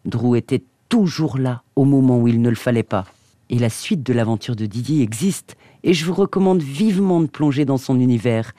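Radio guy reading a book excerpt, mellow darkish voice, dry close mic. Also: medium pitch, normal speed, no room sound. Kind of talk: reading a novel excerpt aloud.

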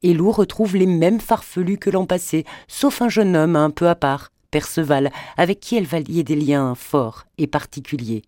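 A man reading a novel aloud in a measured, even storytelling manner. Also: on the high side, no room sound, clean studio sound. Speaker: audiobook narrator. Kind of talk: scripted narration.

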